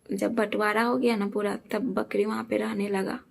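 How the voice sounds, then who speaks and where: A woman's voice: medium pitch, little pitch movement, moderate pace, vocal fry. A young woman vlogger, talking earnestly and defensively to her viewers and repeating her points. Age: young adult. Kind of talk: casual talk to camera.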